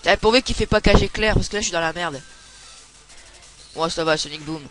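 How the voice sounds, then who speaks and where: Young man, high voice, casual let's-play chatter, quick to swear, faint music behind. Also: a bit bright, low-quality recording. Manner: chatty, swears when frustrated. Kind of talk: casual gameplay commentary.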